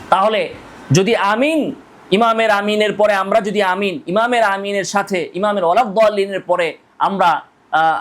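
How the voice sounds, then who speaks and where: A man preaches on points of prayer in a notably high voice. He recites short Arabic passages, translates them, and keeps pressing his audience with pointed rhetorical questions. His delivery is that of a mufti building an argument step by step. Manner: recites Arabic hadith text then translates. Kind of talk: religious lecture on prayer rulings.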